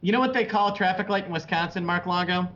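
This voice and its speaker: A man's voice: sits high, bright, forceful tone. Tinny-sounding joking man. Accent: Chicago. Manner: playful, teasing, halting with many fillers. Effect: tinny, thin-sounding voice. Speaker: panelist. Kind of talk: joking casual chat.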